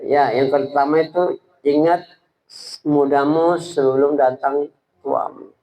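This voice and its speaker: A man preaches in a loose, conversational way, stumbling and restarting as he goes. His voice sits a little high, and he keeps turning to his listeners as if chatting with them. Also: steady tone, dull audio. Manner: halting, stammering delivery; colloquial, addresses listeners directly. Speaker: preacher at a religious study gathering. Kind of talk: informal sermon.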